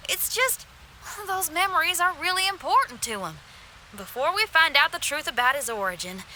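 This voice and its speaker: Bright, folksy young rocker girl Xinyan. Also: high-pitched, a little hiss or hum, exaggerated voice. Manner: folksy, spirited. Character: spirited young woman rock musician, loyal and fiery. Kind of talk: animated video game voice acting.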